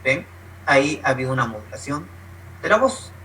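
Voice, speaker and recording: A man's voice: sing-song, moderate pace, pushed and bright, distant mic, slight background noise, poor audio. A man giving an online workshop lesson, explaining points step by step and acting out short spoken examples. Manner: instructive, uses spoken examples, varies pitch for emphasis. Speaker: workshop presenter.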